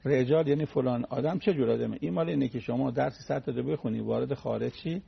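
A man with a gravelly, husky voice gives a relaxed religious talk, illustrating his points with plain stories and examples. The sound is muffled, as on an old radio broadcast. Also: mid-range voice. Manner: folksy, uses everyday anecdotes and examples. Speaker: cleric giving a religious talk.

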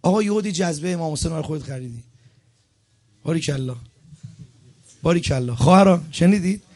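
A male preacher addresses a gathered congregation, urging them and giving instructions as he goes. His voice sits a little higher than most men's. He repeats key phrases to drive them home. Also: lively intonation, darkish tone. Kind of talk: sermon with storytelling. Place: religious gathering hall.

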